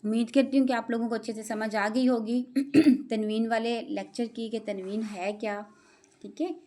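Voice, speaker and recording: A young adult woman teaching Quran recitation as a spoken lesson. She is patient, spells letters out slowly and often stops to check that her listeners follow. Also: a little high, fairly even intonation, a little mellow.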